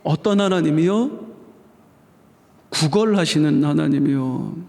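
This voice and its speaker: A middle-aged man preaching a sermon as pastor, with emphatic swings between high exclamations and soft pleading. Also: measured pace. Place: church sanctuary. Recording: long church reverb.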